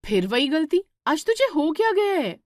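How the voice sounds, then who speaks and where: A woman voicing a bossy elder sister-in-law in a cartoon story, loud and exasperated as she scolds. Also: high voice, lively intonation, fast, no echo, pitched above the performer's own voice. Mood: scolding.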